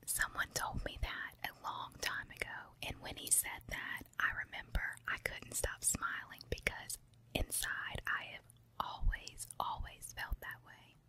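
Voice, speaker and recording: Woman, soft unvoiced whisper, close mic, ear-to-ear ASMR, rambling, unhurried, confiding. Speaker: ASMR video creator. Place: room at home with carpet and window. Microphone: handheld recorder with foam windscreen on tripod, very close.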